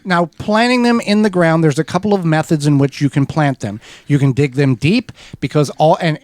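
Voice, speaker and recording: Brief: male radio co-host, slightly high voice, dry studio sound, patient how-to explainer. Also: no echo. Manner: steady, methodical how-to explaining with small restarts. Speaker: co-host of a gardening radio show.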